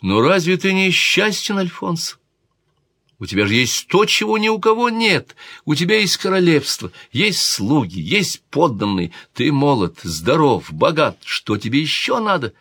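A man's voice: fairly high pitch, big pitch swings, moderate pace, pushed and bright, breathy edge, no echo, studio quality, voice pushed up, full character voice. A man voicing a worried young princess who pleads with her brother in an audiobook reading. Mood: persuasive. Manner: pleading, persuasive.

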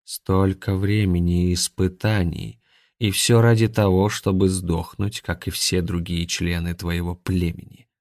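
Possessed woman, alien inside, cold, lifeless, slow, read by a man. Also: low-pitched, level tone, a little mellow, no room sound, clean studio sound. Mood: menacing. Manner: indifferent, lifeless. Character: woman whose body is taken over by a cold alien.

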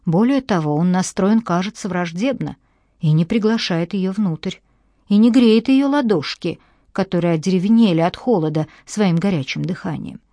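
A woman narrating an audiobook in a measured storytelling manner, recorded close to the mic. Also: fairly low pitch, expressive, warm tone, no room sound. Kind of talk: scripted narration.

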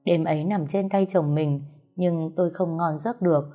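Woman storyteller, first person; steady and melancholy, dark warm tone, faint music bed. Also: fairly low pitch, normal speed. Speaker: narrator. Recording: soft music behind the voice.

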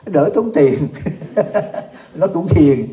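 A Buddhist teacher gives a joking, chatty Dharma talk in a temple hall. His voice sits a little high for a man but sounds mellow and soft-edged. It carries around an echoey room. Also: lively intonation, extremely slow. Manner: jokey, often laughing, asks the audience questions.

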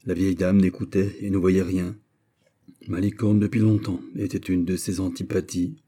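Male narrator, low pitch, very dark timbre, measured reading of a classic novel. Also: little pitch movement. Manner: measured, deliberate phrasing. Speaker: audiobook narrator. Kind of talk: scripted audiobook narration.

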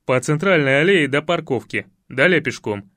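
A man's voice: a little high, animated, normal speed, a bit bright, no echo, studio quality. A man voicing a bored, blunt young security guard in an audiobook, curt and officious. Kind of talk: audiobook character voice.

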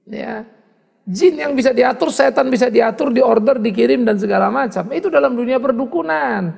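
A male pastor preaching a sermon in an animated way, with mocking asides and rising exclamations. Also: very high voice, normal speed, creaky, breathy edge. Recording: long hall reverb.

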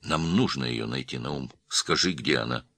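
Man doing hoarse pushy gangster, impatient, raised voice, very deep and husky, dry sound. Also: moderate pace, sharp tone, dry recording, heavily acted. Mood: pressing. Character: tense, pushy middle-aged male gangster.

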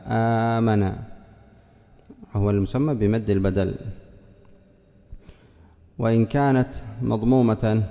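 A male teacher who reads a passage aloud, then explains it step by step, drawing out example words slowly and quizzing his students. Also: lowish voice. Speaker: teacher of Arabic morphology. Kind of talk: classroom lesson reading and explaining a text. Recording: dull lo-fi lecture recording with long reverb.

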